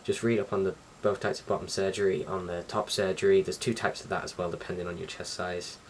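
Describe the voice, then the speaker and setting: A young man vlogs casually to camera in a low voice with little pitch movement, speaking quickly. His delivery is informal, slightly hesitant and rambling. The mic is distant, with faint background noise.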